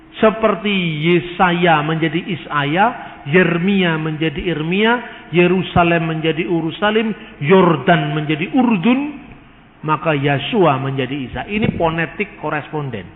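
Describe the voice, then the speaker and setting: A man giving a lecture, explaining words and asking rhetorical questions as he teaches. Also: fairly high pitch. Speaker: lecturer on religious texts. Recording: tinny phone-like sound with long hall reverb.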